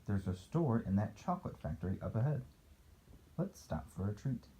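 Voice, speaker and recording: A man reading the part of a friendly, gently cautioning gentleman in a children's storybook, in a kindly, instructive way. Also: fairly low pitch, big pitch swings, moderate pace, slight background noise, poor audio.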